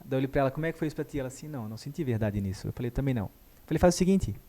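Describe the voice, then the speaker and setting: A man, a guest therapist telling a story in a lively way and acting out the dialogue. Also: mid-range voice, racing. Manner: animated, acts out dialogue. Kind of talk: conversational storytelling.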